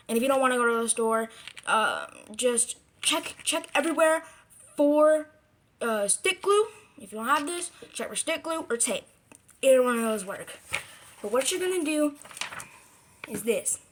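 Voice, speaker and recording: High-pitched and a bit bright, the voice moves at a normal speed as a creator rambles through a casual craft how-to, correcting themselves and hammering points home through repetition.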